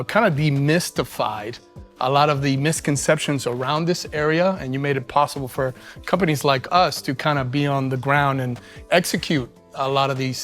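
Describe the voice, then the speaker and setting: Male host, friendly, halting with fillers, mid pitch, faint music bed. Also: fairly bright tone. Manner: friendly, hesitant, with many fillers. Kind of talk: casual panel discussion.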